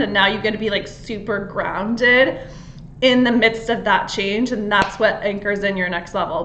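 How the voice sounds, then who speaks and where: A woman's voice: mid-range voice, pushed and bright. Woman, spiritual coach, casual chatty astrology talk, lots of "like" and "um", roomy echo, faint room hum. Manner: chatty, filler-heavy, giggly.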